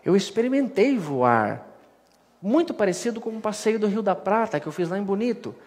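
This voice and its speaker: A Brazilian man giving a spiritist lecture as an animated story, acting out the dialogue. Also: high voice, moderate pace. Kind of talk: storytelling sermon. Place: spiritist center hall. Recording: hall with long reverb.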